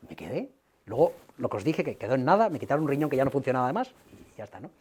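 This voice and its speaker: A man, a guest speaker telling personal stories to an audience, acting out dialogue lively and swearing casually. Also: medium pitch, quick pace, breathy edge. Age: 40s.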